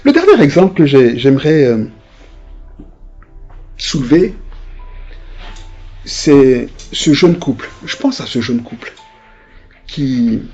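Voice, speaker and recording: A man's voice: mid-range voice, sing-song, slow, long pauses, dark tone, breathy edge, lo-fi sound, faint music behind. A man preaching a conversational sermon as pastor. He hesitates and restarts often and acts out the voices of people in his stories.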